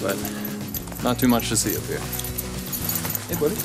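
Loud music sits behind a medium-pitched male voice with lively intonation and a moderate pace. The speaker, a hiker vlogger in his thirties, casually narrates a forest trail walk into an action camera on a handheld pole, chatting and thinking aloud.

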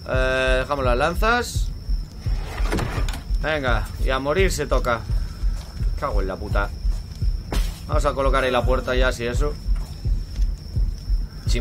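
Animated young Spanish man gaming. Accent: Spanish from Spain. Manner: swears a lot, exclaims and grumbles at the game; bursts into loud, high panicked shouts. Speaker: gaming channel host. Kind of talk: casual gameplay commentary.

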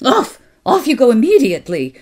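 A woman's voice: a little high, huge pitch swings, moderate pace, a little mellow, pitched above the performer's own voice. A woman doing a cold, furious aunt. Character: stern, proud adult aunt scolding children.

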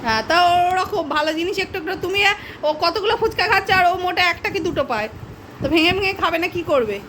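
A woman at home talks to her dog in a very high, sing-song baby voice. She swoops up and down in pitch as she coaxes it and laughs along. The home recording has clear background noise. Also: animated, fast talker, a bit bright. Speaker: dog owner filming her pet. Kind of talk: casual home video, coaxing a dog.

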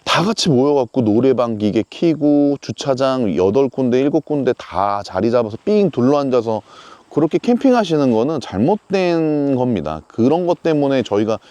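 A man's voice: mid-range voice, animated, normal speed, warm tone, dry recording, highs cut off. A man talking casually to camera in a camping vlog, chatty with lots of fillers and strong opinions. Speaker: camping vlogger. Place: outdoors at a campsite.

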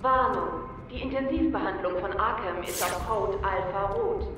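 An actress voicing a stern adult female alarm announcer who issues formal, commanding warnings over a public address loudspeaker. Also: medium pitch, moderate pace, background noise. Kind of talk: video game voice acting. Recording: echoey distant loudspeaker in a hall. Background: game music.

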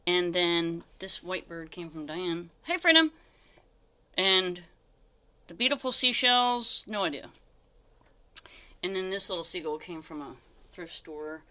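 Woman, middle-aged, bright forceful voice; chatty, easily sidetracked home-tour vlogger, recorded in a small living room. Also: lowish voice, measured pace, long pauses. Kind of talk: casual rambling live narration. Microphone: handheld phone held by the person filming.

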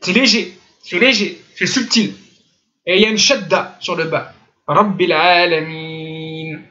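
At a normal speed, a high, animated, pushed and bright male voice leads an online religious lesson in French. The Islamic teacher, on a computer mic in a voice chat room with lo-fi audio, keeps correcting pronunciation by modeling the sounds.

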